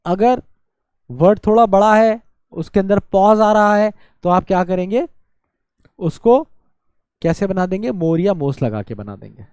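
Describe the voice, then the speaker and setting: Male tutor, exam-prep lesson, self-quizzing delivery, soft dark tone, dead-dry booth. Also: high voice, animated, measured pace, pauses often, clear, resonant tone, no room sound. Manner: explains by asking and answering his own questions; drawls words out to show syllables. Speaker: teacher.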